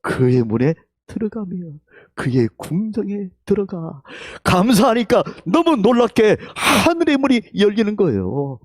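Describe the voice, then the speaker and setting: A man preaches a Sunday sermon with a Gyeongsang accent, his high voice leaping and falling with lively swings. He moves from loud calls to near-whispers and leads the congregation to repeat his words. The sound is dry and close. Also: unhurried, no echo. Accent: Gyeongsang Korean. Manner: leads the congregation in call-and-response. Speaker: pastor. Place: church sanctuary.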